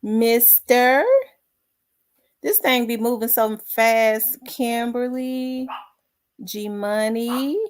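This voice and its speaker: A woman's voice: a little high, steady tone. A woman hosting a casual livestream, greeting viewers by name with lots of ums. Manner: unhurried, reads out viewer names with many fillers. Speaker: livestream host.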